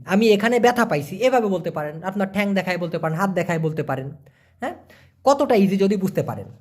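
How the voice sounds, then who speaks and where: Lively man teaching vocabulary. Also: sits high. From Bangladesh. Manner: explains patiently, repeats words slowly syllable by syllable. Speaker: language teacher. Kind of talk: vocabulary lesson.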